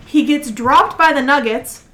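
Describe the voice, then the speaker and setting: A woman co-hosting a casual podcast, retelling a story rapidly and animatedly, peppered with "like" and swearing. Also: high voice, pushed and bright, slight background noise. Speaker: podcast co-host. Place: indoor room, drinking with friends. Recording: echoey room.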